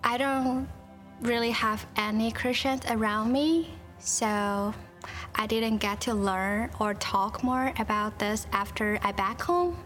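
Young taiwanese woman telling her faith story, real slow and sincere, soft music behind. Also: a little high. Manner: sincere, unhurried, simple phrasing. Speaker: student giving testimony. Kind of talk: personal testimony video.

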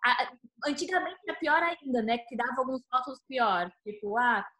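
Woman, bright high voice. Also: lively intonation, moderate pace. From Brazil. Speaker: group participant, parent. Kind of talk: casual group discussion.

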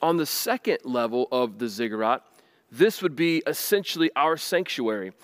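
An actor playing a former pagan high priest in a first-person monologue, explaining things plainly, with small restarts. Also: male voice, animated, normal speed, no room sound, clean studio sound, close to an everyday voice.

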